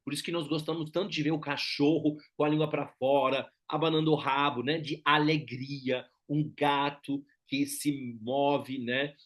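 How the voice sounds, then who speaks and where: A male teacher with a German accent gives an explanatory lecture. His voice sits a little higher than most men's. He speaks didactically, often adding small questions to check that listeners follow. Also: flat delivery, measured pace, hardly any pauses, fairly bright tone. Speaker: Enneagram teacher.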